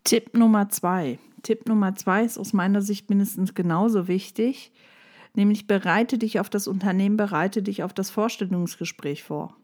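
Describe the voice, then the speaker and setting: A woman's voice: medium pitch, normal speed. Direct woman job coach. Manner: direct, lively, addresses listener as du. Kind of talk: coaching monologue with tips.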